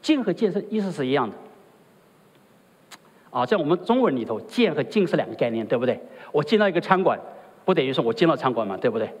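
A man preaching a sermon in a husky voice, his pitch swinging widely as he presses each point. He keeps turning to the congregation with rhetorical questions. The long reverb of a large hall trails after every phrase. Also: sing-song, fast talker. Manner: rhetorical, often asks the listeners "right?". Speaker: pastor.

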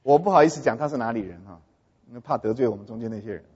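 A man preaching a sermon through lively storytelling, often putting questions to his audience. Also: medium pitch, very fast, husky. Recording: echoey hall, dull lo-fi sound.

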